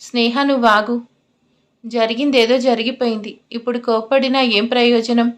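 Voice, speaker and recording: A woman voicing a weary young woman who speaks in a flat, detached way. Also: on the high side, normal speed, close to an everyday voice.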